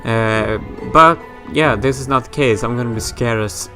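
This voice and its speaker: Over music, a man from Sweden speaks at a medium pitch and normal speed, his Swedish accent clear. He's a gaming YouTuber rambling and joking through a horror game let's play, self-mocking and casually swearing.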